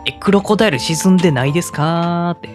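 A man with a Kansai accent giving excitable let's-play commentary, talking to himself with sudden exclamations. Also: a little high, fast talker, music in the background. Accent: Kansai Japanese. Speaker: gaming channel host.

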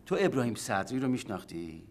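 Actor doing a chummy friendly guy, mid pitch, easy chatter. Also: sing-song, close to an everyday voice. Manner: pleading, then chummy. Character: sociable man back from studying abroad. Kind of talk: sitcom acting.

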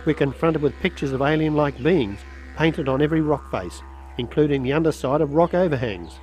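Higher-pitched Australian male narrator over music. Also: a little fast, a little mellow. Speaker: travel show presenter. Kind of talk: scripted travelogue narration. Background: music under voice-over.

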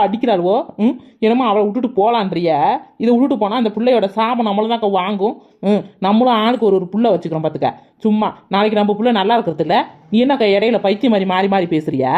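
A woman arguing her point in a gossipy cartoon conversation. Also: medium pitch. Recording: tinny phone-like audio.

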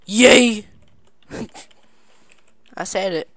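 A woman giving casual gameplay commentary at her computer, goofy and chatty, breaking into excited cheers, on a desk mic. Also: mid-range voice, drawn-out words, no echo, studio quality. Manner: excited squealing "yay" cheers and laughter; playful goofy broken phrasing. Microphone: desk microphone.

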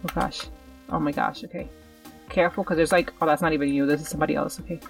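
Gaming host, woman, lowish voice, nervous self-talk over faint game music. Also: steady tone, fast, creaky, far from the mic. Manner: nervous, self-coaching chatter. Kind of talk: live gameplay commentary.

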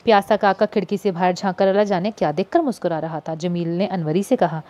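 This audiobook narrator talks fast with a dark tone as she reads a novel. Whenever characters speak, her voice rises and grows livelier to play them.

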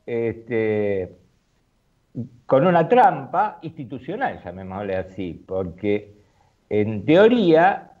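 Lively Argentine man, economic commentary. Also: mid-range voice, phone-quality sound. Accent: Argentine Spanish. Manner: critical, frequent fillers and restarts.

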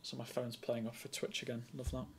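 A young man streaming as an air traffic controller, chatty and excitable between calm, clipped radio instructions. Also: mid-range voice, brisk, gravelly. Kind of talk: casual streaming chat and radio calls.

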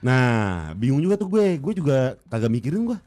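A man's voice: medium pitch, big pitch swings, moderate pace, darkish tone. A man hosting a radio show, joking in casual slangy banter from a studio. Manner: joking, slangy Jakarta talk. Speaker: radio host.

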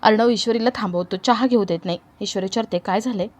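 A woman retelling the plot of a family drama serial in scripted narration, speaking in a plain, steady way. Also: medium pitch, fast. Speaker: storyteller.

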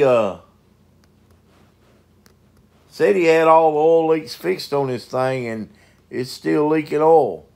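A man's voice: medium pitch, gravelly, a little mellow. A man, a mobile mechanic narrating a repair video in a folksy, plain-spoken way.

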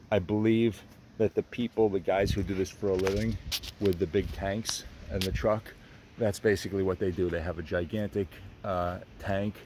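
Deep-voiced man rambling through a DIY fix. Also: darkish tone, slight background noise. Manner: rambling, repeats words, apologetic. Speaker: DIY video maker. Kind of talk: casual how-to explanation. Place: outdoor driveway. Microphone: phone camera held by hand.

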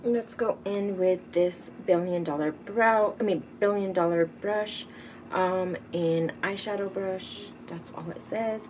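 A middle-aged woman talks her way through a makeup look at home in an unhurried, rambling way, her voice sitting a little low. She often drops to a soft murmur mid-sentence. A steady hiss of background noise sits under her voice. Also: low-quality recording. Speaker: beauty vlogger. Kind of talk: casual makeup tutorial chat. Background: teenager gaming loudly in the background.

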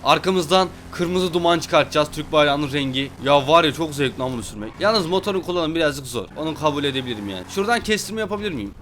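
An excited young man narrates his gameplay in quick, exclamatory bursts, his voice sitting a bit high. He talks straight to his viewers. Loud game sounds run under his voice. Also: slight background noise. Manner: hyped, exclamatory, addresses viewers as friends. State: fasting. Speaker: gaming YouTuber.

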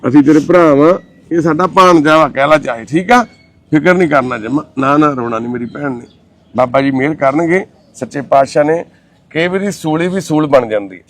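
A man's voice: on the high side, brisk. A man from a social service group, consoling a troubled young man and his mother, then explaining their situation to the camera in an informal, fatherly way. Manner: warm, reassuring, informal and fatherly.

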